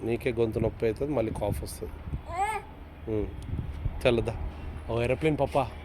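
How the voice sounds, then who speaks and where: Parent at home filming a toddler outdoors; coaxing, repetitive, plain mid-pitched voice, steady background noise. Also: moderate pace. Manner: coaxing, repeats short questions and commands. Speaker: parent talking to a toddler son. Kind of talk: casual home video chat with a small child.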